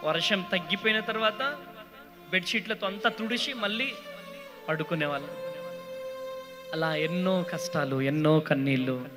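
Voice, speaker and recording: Impassioned high-voiced pastor. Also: male voice. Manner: impassioned, swings from soft to shouted calls. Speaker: pastor giving a testimony. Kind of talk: emotional testimony sermon. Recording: reverberant hall with faint music.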